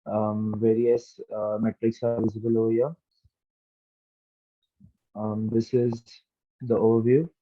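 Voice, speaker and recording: A man's voice: on the low side, level tone, a little slow, pauses often, dry recording. A young man giving a hesitant, formal presentation as an intern on a video call. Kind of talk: slide presentation and software demo. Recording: dull lo-fi video-call audio.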